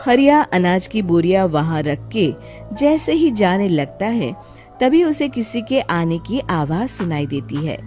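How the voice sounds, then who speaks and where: A woman's voice: on the low side, sing-song, a little slow, warm tone, soft background music. A woman narrating a scripted story as its storyteller.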